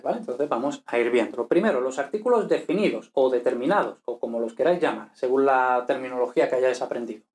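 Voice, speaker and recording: Male online teacher, slightly raised pitch, methodical explainer, frequent fillers and tag questions. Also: a little mellow. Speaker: language teacher. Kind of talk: online grammar lesson.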